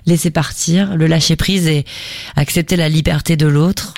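A man's voice: a little high, fairly even intonation, normal speed, gravelly, a little mellow, dry recording. A man hosting a conversation, speaking reflectively, asking questions and finishing his guest's thoughts. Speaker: host. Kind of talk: casual conversation.

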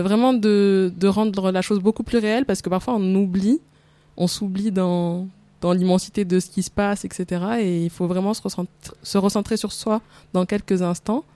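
A woman's voice: mid-range voice, mellow, clean tone, no echo. A woman co-hosting a call-in radio show, speaking reflectively and hesitantly with many fillers.

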